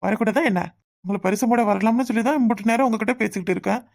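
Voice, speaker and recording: A woman's voice: medium pitch, very fast, gravelly, a little mellow. A woman voicing a teasing, persistent village bachelor in a cartoon, with a southern Tamil accent. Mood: wooing. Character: cheeky balding village bachelor, teasing suitor. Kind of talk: cartoon voice acting.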